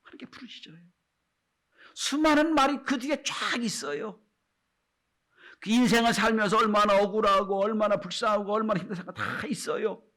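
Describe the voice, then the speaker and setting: A man preaching a sermon to his congregation as pastor, often turning to address them, his delivery swinging between loud calls and hushed whispers. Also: high voice, a little fast.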